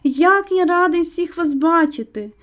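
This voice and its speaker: A woman's voice: very high-pitched, animated, a little slow, a bit bright, voice pushed up, heavily acted. A woman reading a cheerful young male sailor greeting his family, in a hearty storybook manner. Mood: jovial.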